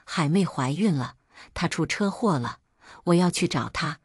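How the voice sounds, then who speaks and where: Woman reading a selfish young man, dismissive, fairly low voice. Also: lively intonation, normal speed, slightly rough, no echo, clean studio sound.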